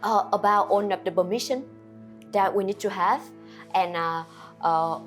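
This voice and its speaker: A restaurant owner from Vietnam, a woman, answers an interviewer while soft music plays behind her. She uses simple, halting English with a Vietnamese accent and many fillers, in a mid-range voice.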